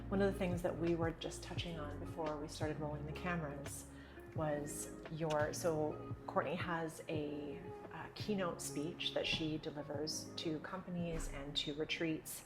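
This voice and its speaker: A woman's voice: deep voice, steady tone, measured pace, over music. A woman hosting an interview in a casual, somewhat hesitant way, with many fillers. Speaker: interview host.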